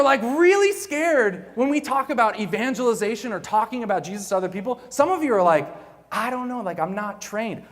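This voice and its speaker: Animated man speaking in an echoey hall. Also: sits high. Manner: animated, playful, talks straight to the audience. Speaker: keynote speaker, director of evangelization. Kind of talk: lively keynote talk. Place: large church hall.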